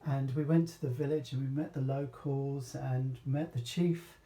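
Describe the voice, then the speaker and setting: A man's voice: medium pitch, steady tone, moderate pace, dark tone. A man from Britain giving a casual, rambling talk, full of hesitations and restarts. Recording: echoey room, voice from a distance.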